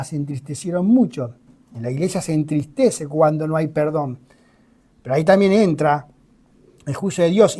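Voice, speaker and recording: A preacher giving a sermon that explains a Bible passage. The delivery is animated, swinging between loud emphasis and quiet asides, with dramatic readings that voice the characters in the story. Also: medium pitch. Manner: reads scripture dramatically, voicing the characters.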